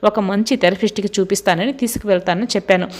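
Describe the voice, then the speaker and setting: A woman's voice: medium pitch, fairly even intonation, quick pace, lightly acted. A woman voicing an authoritative older father-in-law who talks in a commanding but caring way, as dialogue in a serial recap. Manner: commanding, caring toward the victim.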